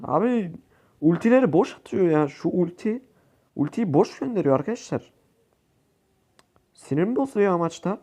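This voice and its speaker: Excitable young gamer, high voice. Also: male voice, moderate pace, long pauses. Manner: excitable, swears and yells at teammates. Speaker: gaming youtuber. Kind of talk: casual gameplay commentary.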